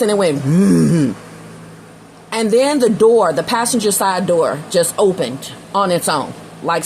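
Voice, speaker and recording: A woman's voice: lowish voice, a little hiss or hum, poor audio. A woman doing a casual tarot reading, talking straight to the viewer in a slangy, conversational way and drifting into personal stories. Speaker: tarot reader.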